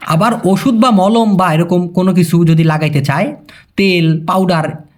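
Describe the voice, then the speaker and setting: A young Bangladeshi language teacher with a Bangladeshi Bengali accent gives a casual video lesson in a high, steady, slightly slow voice. He's chatty, calls viewers "brother," and checks that they're following.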